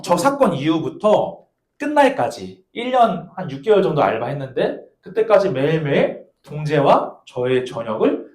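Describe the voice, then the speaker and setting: A man in his thirties preaching a sermon, telling a personal story in a playful, animated way and speaking straight to young listeners. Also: a little high. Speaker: pastor. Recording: echoey church hall.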